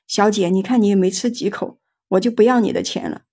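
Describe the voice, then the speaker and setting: A woman voicing a jovial, lecherous man in his forties who is quick to shout, in a told ghost story. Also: mid-range voice, fairly even intonation, breathy edge. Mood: brash. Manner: brash, cheerful, quick to shout.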